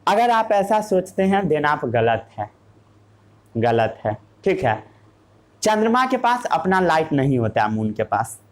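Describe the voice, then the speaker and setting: Very animated and a little slow, this man's slightly high voice carries a classroom science lesson. As a teacher, he asks questions of the room only to answer them himself, blending English words into Hindi.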